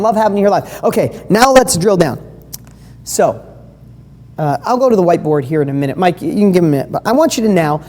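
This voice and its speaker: A woman's voice: medium pitch, warm tone. A woman coaching a live online training session, talking in an enthusiastic, conversational way and firing questions at her audience. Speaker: business coach. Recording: long hall reverb.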